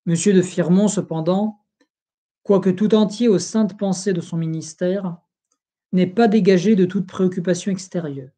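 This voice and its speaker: An audiobook reader reading a history book aloud in a slow, solemn, even delivery. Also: mid-range voice.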